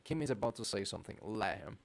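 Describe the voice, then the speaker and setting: A man's voice: lowish voice, expressive, fast, vocal fry. A man streaming a video game, playfully reading narration and dialogue aloud. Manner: playful, laughs often, reads lines aloud.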